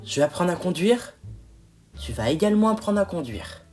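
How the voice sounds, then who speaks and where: A woman voicing a patient, reassuring husband in a toy-figure film, dropping her voice low to sound like a man. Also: sing-song, moderate pace, soft background music. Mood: soothing. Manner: soothing, gently lowered voice.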